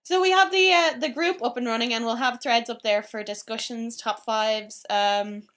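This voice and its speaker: A woman's voice: on the high side, moderate pace, a bit bright. A woman co-hosting a podcast in casual chat, chatty and giggly, swearing casually. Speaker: podcast co-host.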